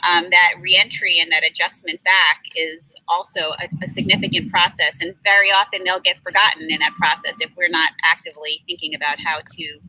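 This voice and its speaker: Female interview host, middle-aged, bright and slightly low, filler-heavy casual delivery. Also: fairly even intonation, fairly quick, few pauses, rough recording. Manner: many fillers, warm thanks to guests. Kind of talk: conversational interview.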